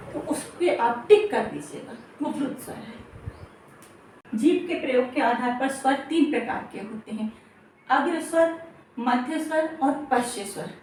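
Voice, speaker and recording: A woman with a high voice teaches an exam-prep grammar lesson, repeating each term and checking in with her listeners. She sounds set back from the mic in a strongly echoing room, with faint hiss underneath. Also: a little mellow. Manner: repeats terms, checks with "theek hai". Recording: very echoey room, distant mic.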